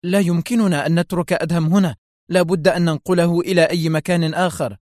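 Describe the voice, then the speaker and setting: A man's voice: fairly high pitch, fairly even intonation, fast, a little mellow, no room sound, studio quality, pitched above the performer's own voice, close to an everyday voice. A man voicing a stern, urgent young woman. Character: fierce, determined young woman doctor in a crisis.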